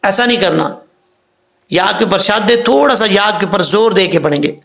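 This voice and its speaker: A man teaching correct Quran pronunciation, explaining each rule and then chanting the words slowly to show how they should sound. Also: sits high, lively intonation, gravelly, fairly bright tone, echoey room.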